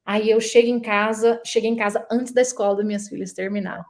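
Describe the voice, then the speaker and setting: A middle-aged woman from Brazil, a guest in a casual interview, telling a story in an animated way and acting out the dialogue. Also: medium pitch, fairly quick. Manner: animated, acts out quoted dialogue.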